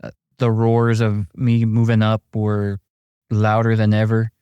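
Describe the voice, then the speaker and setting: A middle-aged man chatting casually as a guest, telling stories in a relaxed way with lots of fillers and restarts. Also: on the low side, a little slow, clean tone, dry recording, muffled recording. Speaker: amateur golfer guest. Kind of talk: casual chat.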